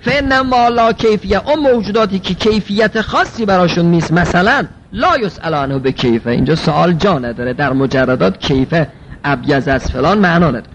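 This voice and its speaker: A man with a high voice lectures on classical logic, quoting Arabic phrases and explaining them plainly. He asks questions aloud and answers them himself, his pitch swinging widely. A faint hiss sits under the recording. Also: animated, low-quality recording. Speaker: teacher. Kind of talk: seminary-style logic lecture.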